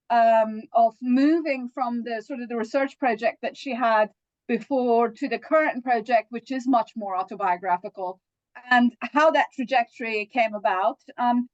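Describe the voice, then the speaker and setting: A woman moderating an online seminar and introducing the speaker over a video call, halting with ums. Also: a little high, no room sound. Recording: dull, dry video call audio.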